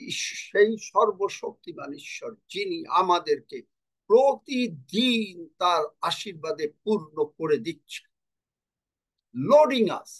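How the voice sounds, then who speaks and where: Very slow high-voiced preacher. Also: male voice. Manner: slow, emphatic, repeats key phrases; translates himself between two languages. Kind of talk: bilingual sermon. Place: church service.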